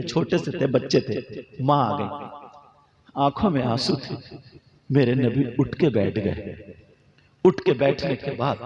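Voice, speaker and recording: A male preacher giving an emotional sermon at a gathering, telling a story with passion and speaking directly to the crowd through a PA microphone. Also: medium pitch. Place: outdoor religious gathering. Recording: echoey lo-fi PA sound with crowd.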